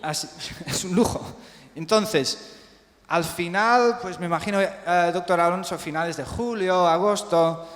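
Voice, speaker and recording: Lively teacher in an echoey hall. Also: male voice, high-pitched. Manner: lively, drills words slowly, switches between English and Spanish. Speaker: English teacher. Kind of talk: bilingual pronunciation class. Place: hospital lecture hall. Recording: echoey hall with long reverb.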